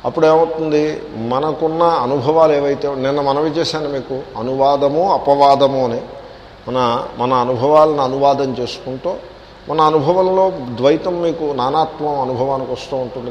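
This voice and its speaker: A man's voice: medium pitch, normal speed, a little mellow, a little hiss or hum. Wry man teaching in an echoey hall. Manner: wry, questioning the audience, mixes English words. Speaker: swami teaching scripture. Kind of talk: Vedanta discourse. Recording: echoey hall with faint ambience.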